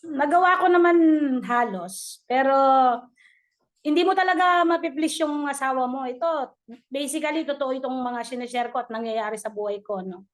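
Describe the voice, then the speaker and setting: A woman's voice: high voice, normal speed. A middle-aged woman sharing her church testimony in a chatty way, laughing often and mixing in English.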